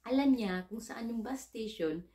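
A woman's voice: on the high side, measured pace, warm tone. Filipina woman chatting in an echoey room. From Philippines. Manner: chatty, mixes English into Tagalog, acts out dialogue. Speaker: vlogger, domestic worker abroad. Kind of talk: casual storytelling vlog.

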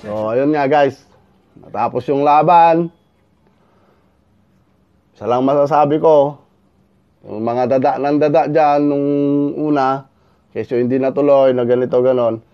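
A man giving a lively reaction commentary on a boxing video, shouting punch sound effects between remarks. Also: medium pitch, measured pace, long pauses, clean tone, lo-fi sound. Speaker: YouTuber reacting to a fight video.

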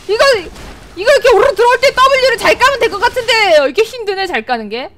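A woman streaming a game live, excitable, often shouting and laughing and answering her chat. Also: extremely high pitch, brisk, very noisy. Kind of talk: live gameplay commentary. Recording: game music playing clearly behind. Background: game music.

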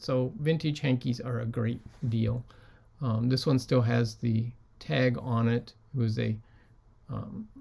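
A man talking casually in a vlog about items he resold, with lots of ums and a relaxed way of talking. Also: medium pitch, vocal fry. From United States. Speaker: reseller showing sold items.

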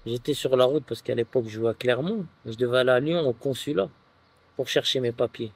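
A man in his thirties from France, a footballer guest chatting casually on an outdoor terrace, relaxed and full of filler phrases. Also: medium pitch, a little fast, slightly rough. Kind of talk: casual interview chat.

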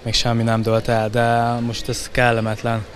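A man's voice: mid-range voice, completely flat delivery, slight background noise. A man in his thirties, a football player, giving a post-match interview outdoors into a handheld microphone. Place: outdoors beside a football pitch.

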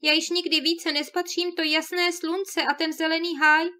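A woman voicing a gentle, wronged young wife who speaks plaintively. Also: extremely high pitch, little pitch movement. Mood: lamenting. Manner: plaintive and lamenting.

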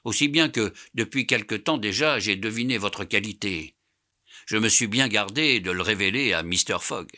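A man reading an audiobook, voicing an excitable, loyal young French manservant who bursts out indignantly. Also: fairly low pitch, moderate pace, pitched above the performer's own voice. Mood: knowing. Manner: indignant, animated outbursts.

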